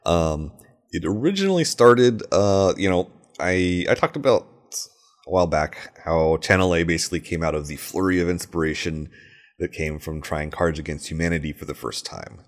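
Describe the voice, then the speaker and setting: A man with a very low, deep voice talks through his thoughts in a loose, unscripted monologue. He stops and restarts often, filling gaps with ums and uhs. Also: expressive. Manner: rambling, halting, many fillers and restarts. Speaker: board game designer. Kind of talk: casual monologue. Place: home recording with airplanes overhead.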